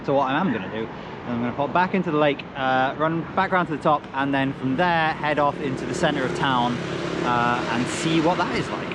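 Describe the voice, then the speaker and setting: A man's voice: medium pitch, a little fast. A man talking casually to camera while running outdoors along city streets. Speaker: running vlogger. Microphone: handheld camera. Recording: muffled outdoor audio, loud street noise. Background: loud traffic and urban ambience.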